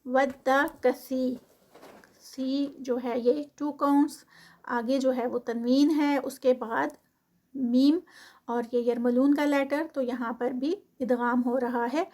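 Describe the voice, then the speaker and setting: A woman teaching a tajweed lesson, reciting verses slowly and then explaining the rules of each word. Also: sits high, steady tone, mellow. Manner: chants verses slowly, then explains rules briskly in Urdu-English mix.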